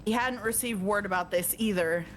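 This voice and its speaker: Over soft background music, a woman streamer with a brisk, slightly bright mid-range voice reads aloud from a visual novel. Her even narration keeps breaking off for casual jokes and laughter with her co-player.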